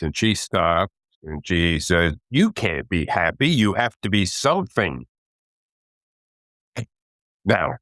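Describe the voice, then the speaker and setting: A man in his eighties, a guest in an interview, telling stories slowly and reflectively with some hesitations. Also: sits low, fairly bright tone, smooth, no room sound, studio quality. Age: 80s. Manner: slow, reflective storytelling with hesitations. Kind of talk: relaxed interview talk.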